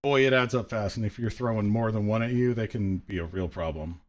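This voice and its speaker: A man's voice: lowish voice, fairly quick. A man casually commentating a live game match in a laid-back way, his voice echoing with reverb.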